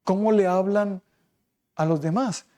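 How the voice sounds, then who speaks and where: A man preaching as a pastor, emphatic, pressing his flock with rhetorical questions and moving between quick and slow passages. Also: high voice, warm tone. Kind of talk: sermon.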